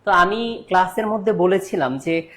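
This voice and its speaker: A man's voice: sits high, animated, normal speed, a bit bright. A male co-teacher from Barishal, Bangladesh, joins a live class. He talks casually and rambles. His speech is full of fillers and tag questions. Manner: chatty, rambling, with frequent fillers.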